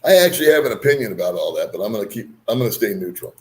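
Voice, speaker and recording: A man's voice: lowish voice, lively intonation, very fast. A man hosting a casual livestream, rambling easily as he reads and answers viewer comments with bantering remarks. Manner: rambling, chuckling, easygoing banter. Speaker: livestream host.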